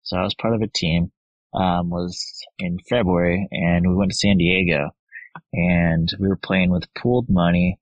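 A man with a very low voice tells a story in a loose, laid-back way, often laughing and lifting his voice to mimic other people. The sound is dry and a little dull, with no room echo. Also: little pitch movement, moderate pace. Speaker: podcast guest, blackjack player. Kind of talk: casual storytelling chat.

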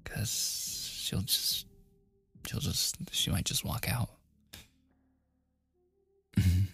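Pitched low and fully in character, a man portrays a smitten young man who won't let up, in a boyfriend ASMR roleplay. The recording is echo-free with soft background music, and he speaks quietly and haltingly, sometimes in a breathy, coaxing whisper. He comes across as earnest and coaxing.

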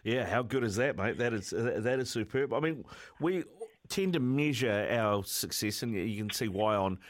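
A man's voice: medium pitch, expressive, moderate pace. A man with a New Zealand accent hosting a casual sports interview, matey and rambling in his questions. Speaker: radio sports host.

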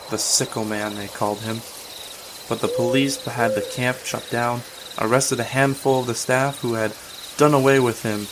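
An actor playing a cocky, slangy young boyfriend in an audio drama. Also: male voice, medium pitch, natural voice. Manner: slangy, smart-alecky, casual. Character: cocky young man, sleazy boyfriend and storyteller. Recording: noisy outdoor night with crickets and birds.

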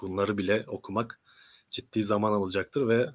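Low-voiced male host, under the weather. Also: level tone, a little fast. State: unwell, voice strained. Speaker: host of a political talk stream. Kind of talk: conversational interview hosting.

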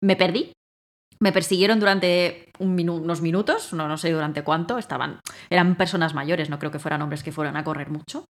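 Brief: rapid-fire female guest, animated storyteller. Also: low-pitched. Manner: animated, acts out her own quotes loudly. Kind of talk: casual storytelling conversation.

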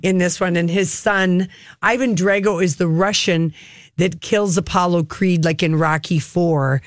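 A woman's voice: fairly low pitch, steady tone, a little slow, no echo, studio quality. A woman hosting a talk show, chatting casually and passing on entertainment news.

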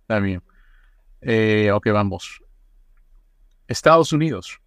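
A man hosting a casual podcast interview, asking quick questions in a relaxed way with many fillers. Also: fairly low pitch, smooth, no room sound, clean studio sound. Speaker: podcast host.

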